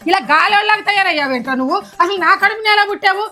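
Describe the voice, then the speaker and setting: A woman's voice: very high voice, animated, very fast, sharp tone. A woman playing a melodramatic, scolding mother in a scripted comedy sketch. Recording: music playing underneath.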